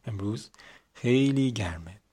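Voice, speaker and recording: A man whose first language is Persian, teaching English by slowly reading English sentences, spelling words letter by letter and explaining them. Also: on the low side, animated, mellow, husky. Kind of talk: explaining an English text line by line.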